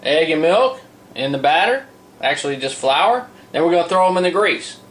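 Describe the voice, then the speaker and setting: A man's voice: on the high side, animated, normal speed, a bit bright. A man giving a casual, folksy, plain-spoken cooking demonstration as a home cook. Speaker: home cook presenting a recipe. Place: indoor kitchen with a running fan. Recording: roomy, noisy fan hum, distant mic. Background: fan noise.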